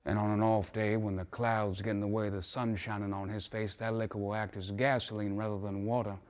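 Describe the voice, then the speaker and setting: Close to an everyday voice, mid-range and unforced, a man acts out a dramatic monologue as a troubled, folksy dad. His earnest pleading turns halting at times and impassioned at others, with a rueful tone.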